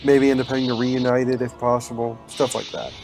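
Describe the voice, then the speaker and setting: A man playing a tabletop game, talking casually in a tentative, measured way with music behind. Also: mid-range voice, level tone, vocal fry, darkish tone.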